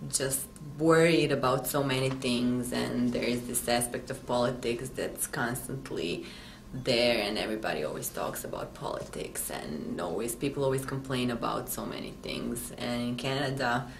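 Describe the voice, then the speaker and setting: Young woman, really low voice, roomy echo, chatty opinions in an interview. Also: moderate pace, vocal fry, slight background noise. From Croatia. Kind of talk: interview answers to camera.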